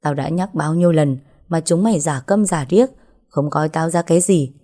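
Woman reading a cold old lady crime boss, low mellow voice, barks orders. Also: moderate pace. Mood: cold, stern. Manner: harsh, commanding. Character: cold ruthless older female gang boss.

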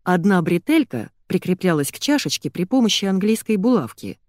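A woman narrating an audiobook in the first person with a lively, expressive storytelling manner. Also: on the low side, fairly quick, dry recording, clean studio sound.

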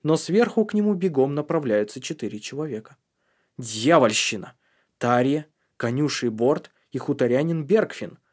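A man's voice: mid-range voice, expressive, moderate pace, darkish tone. A man reading an audiobook with tense, dramatic scripted narration.

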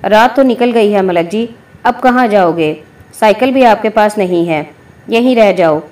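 A woman voicing a friendly, hospitable male companion in a story, inviting and warm-hearted. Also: medium pitch, natural voice.

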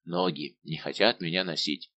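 A man's voice: low voice, normal speed, pushed and bright, pitched below the performer's own voice. A man voicing a fat, plaintive old male servant who sighs and laments in deferential tones, in an audiobook. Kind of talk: audiobook character voice.

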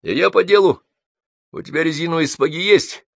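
A man's voice: on the high side, brisk, creaky, no room sound, pitched above the performer's own voice. A male reader voicing a bossy, insistent neighbor in a raised, folksy voice for an audiobook. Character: pushy loud middle-aged male neighbor.

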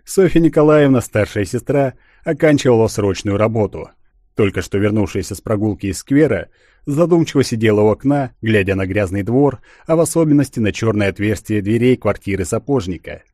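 A man reading a literary audiobook in a measured, even way. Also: on the low side, dry recording, studio quality. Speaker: audiobook narrator.

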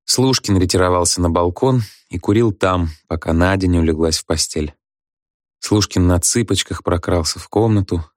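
A man reads a story aloud in an even, steady storytelling voice. His pitch is very low. The recording is close and dry. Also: normal speed, no room sound. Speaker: narrator. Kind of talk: audiobook narration.

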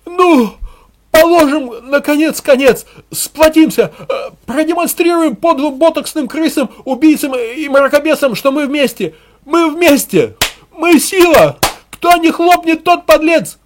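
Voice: high-pitched, lively intonation, unhurried, background noise, voice pushed up. A reader voicing a hysterical male village propagandist who whips a crowd into shrieking chants. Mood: shrieking, fanatical.

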